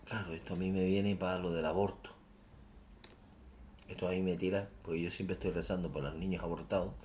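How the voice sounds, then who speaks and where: A man reading a religious text aloud, switching between a solemn reading voice and quick excited asides. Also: low-pitched, a little hiss or hum. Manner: reads solemnly, then breaks off into excited asides.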